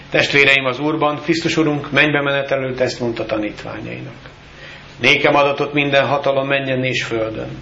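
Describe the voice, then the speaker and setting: A male pastor giving a solemn, measured baptism sermon with scripture readings in a church. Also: medium pitch, vocal fry, pushed and bright, reverberant, highs cut off, slight background noise.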